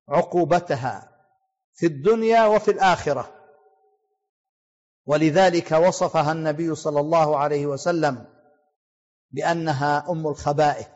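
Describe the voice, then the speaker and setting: A man delivering a formal religious lecture in formal standard Arabic, with measured, deliberate oratory and pauses between phrases. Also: on the high side, darkish tone. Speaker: Islamic scholar giving a religious talk to listeners. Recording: dull lo-fi audio with long reverb.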